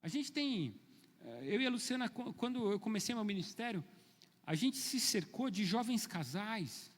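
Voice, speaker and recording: A middle-aged male pastor preaching a sermon, telling stories and swinging from soft asides to loud, emphatic calls. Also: high voice, very animated, normal speed, long reverb tail.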